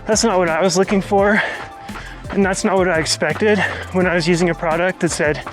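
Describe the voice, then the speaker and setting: A man's voice: high voice, fairly even intonation, fairly quick, over music. A man hosting a vlog, talking casually and explaining things as he goes, recorded outdoors on a trail. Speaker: vlog host.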